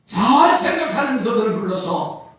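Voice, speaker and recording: A man, a pastor, preaching a Sunday sermon with slow, emphatic swells and sudden loud cries, recorded in a church sanctuary. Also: very high voice, sing-song. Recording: very echoey church hall, mic at a distance.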